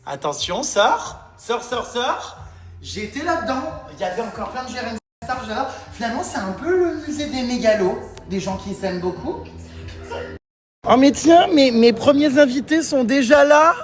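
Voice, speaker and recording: A man hosting a vlog, giving excited commentary indoors in museum rooms, with exuberant, theatrical exclamations. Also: very high-pitched, moderate pace. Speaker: vlog host.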